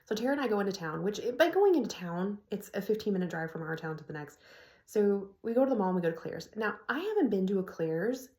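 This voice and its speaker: A woman's voice: medium pitch, a little mellow, echoey room. A middle-aged woman casually telling a personal story to her phone camera, laughing often as she talks. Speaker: vlogger. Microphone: phone propped on an ironing board.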